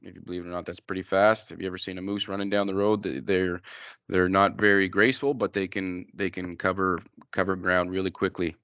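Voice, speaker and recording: A man with a low, smooth voice gives an informal wildlife lesson as a presenter. His delivery is plain and halting, with very little rise and fall. The recording is slightly dull but dry. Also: level tone, fairly bright tone, no room sound. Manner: plain-spoken, halting, explanatory. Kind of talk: informal educational slide presentation to a group.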